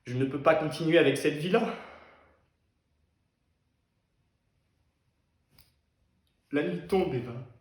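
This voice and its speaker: A male stage actor delivering a theatrical monologue as a desperate young man pleading with a woman, swinging from loud pleas to near-whispers. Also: fairly high pitch, a little fast, natural voice. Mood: hushed. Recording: echoey stage sound.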